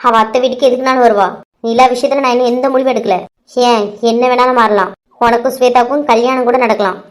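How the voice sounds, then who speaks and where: A woman voicing a stern, domineering middle-aged mother in a cartoon, with a sharp, scolding way of talking. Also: on the high side, steady tone, quick pace, close to an everyday voice. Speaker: mother of the hero. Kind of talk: cartoon voice acting.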